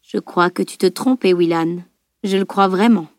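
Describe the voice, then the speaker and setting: A woman reading an audiobook, voicing an old, calm male scholar who speaks softly and reassuringly. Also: on the low side, moderate pace, no echo, studio quality, natural voice. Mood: gentle.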